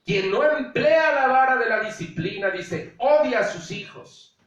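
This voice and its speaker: A male pastor delivers a deliberate, unhurried sermon in a very high voice. He is heard from some distance across a big, booming, echoey space. Now and then he slips into quoted asides from indulgent parents. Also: animated, a bit bright, muffled recording. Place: church. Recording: very echoey room, distant mic.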